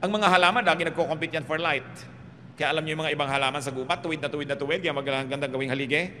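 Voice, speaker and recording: Bright-voiced Filipino pastor in a hall. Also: male voice, fairly high pitch, rapid-fire, a little hiss or hum. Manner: animated, humorous preaching with rhetorical questions. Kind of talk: sermon. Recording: reverberant hall, faint background ambience.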